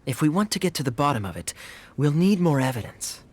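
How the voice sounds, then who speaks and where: Kaeya, a sly teasing knight. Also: male voice, fairly high pitch, sing-song, fairly quick. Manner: teasing, wry and playful. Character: suave sly young male knight captain. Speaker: game character. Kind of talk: game cutscene dialogue. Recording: game audio with faint music.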